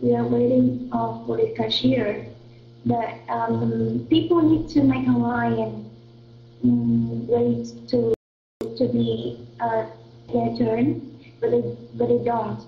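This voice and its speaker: Woman, Vietnamese accent, English learner, slow and hesitant, tinny phone-like sound, roomy echo. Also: a little high, fairly even intonation. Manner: hesitant, searches for words. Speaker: student. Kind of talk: reading aloud and answering in a lesson. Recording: tinny phone-like line in an echoey room.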